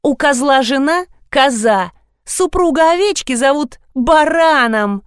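A woman's voice: sits high, animated, unhurried, no room sound, clean studio sound, pitched above the performer's own voice. A woman putting on a whiny teenage girl. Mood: insistent. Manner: whiny, dramatic.

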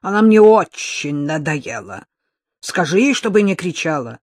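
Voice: medium pitch, sing-song, a little slow, dry recording, clean studio sound. A reader voicing a spiteful male smuggler with a strong foreign accent who drawls and insists. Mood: sullen menace.

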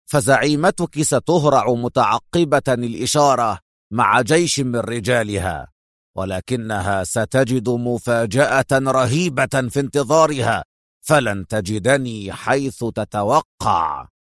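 A man's voice: mid-range voice, unhurried, a bit bright, no room sound, studio quality. A man voicing a stern, angry male villain mastermind who speaks tensely and harshly.

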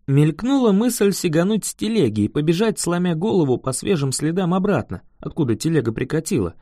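A man reading an adventure audiobook in the first person with wry, expressive storytelling. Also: fairly high pitch, fairly quick, no room sound, studio quality. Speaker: audiobook reader.

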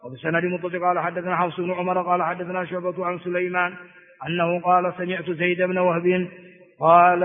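A man, a sheikh giving a classroom lecture on hadith, explaining slowly and repeating words for stress. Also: sits high. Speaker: sheikh teaching hadith commentary. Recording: phone-like audio with long hall reverb.

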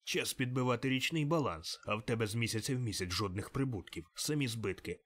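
A man's voice: medium pitch, a little fast, fairly bright tone, close to an everyday voice. Storybook miser: curt, grumbling old man, read by a man, close to the reader's own voice.

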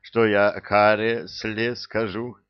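A man's voice: fairly low pitch, little pitch movement, slow pace, clean tone, dull audio. A man voicing an earnest young male emperor who was once a jester. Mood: remorseful. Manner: earnest, pleading.

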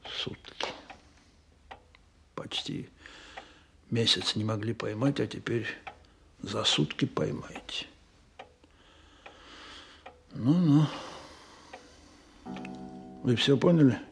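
An actor playing Stalin as a stern, menacing older supreme leader, deliberate and accusatory, in a radio play. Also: male voice, medium pitch, creaky, a little hiss or hum. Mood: threatening. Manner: slow, deliberate, accusatory, repeating questions.

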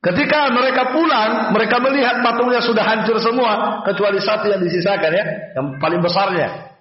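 A man giving a mosque study lecture, telling a story with lively voiced-out parts and Arabic recitation. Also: high-pitched, a little fast. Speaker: religious teacher. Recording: echoey muffled mosque recording.

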